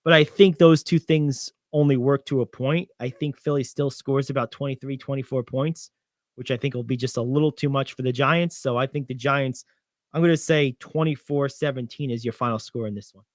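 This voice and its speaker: A young man co-hosting a sports radio show, animated and confident as he talks through football picks, piling on "I think". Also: medium pitch, a little fast, no echo, studio quality. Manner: animated, gets louder when excited, many "I think"s. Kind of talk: sports betting talk.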